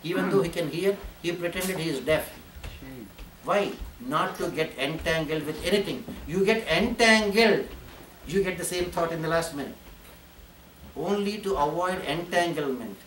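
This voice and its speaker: An Indian man with a slightly high voice preaches at normal speed as a spiritual teacher in an ashram hall, with a little background noise. His sermon is animated and repetitive, looping phrases and breaking into chanted Sanskrit verses. The mic sits far off in the roomy hall, and an audience can be heard.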